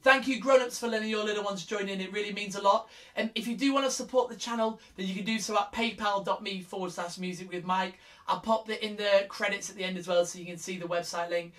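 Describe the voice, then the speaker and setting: A woman's voice: mid-range voice, fairly even intonation, fast talker, hardly any pauses, far from the mic. A woman speaking as a kids show host, theatrical and encouraging, addressing children directly in an interactive sing-along style. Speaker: children's music session host.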